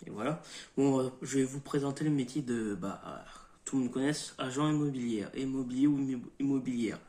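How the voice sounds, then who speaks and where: A man's voice: medium pitch, a little fast, warm tone. A man hosting his channel, explaining a topic in an informal way, full of fillers, restarts and self-corrections. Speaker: YouTube channel host. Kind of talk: informal educational talk, partly read.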